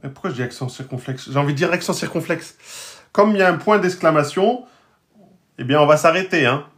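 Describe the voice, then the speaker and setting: A man teaching Arabic and Quran reading in a recorded lesson, patiently sounding out words syllable by syllable and talking straight to his students. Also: fairly bright tone. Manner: slow, patient, drills syllables one by one; sounds out words very slowly, raising his pitch.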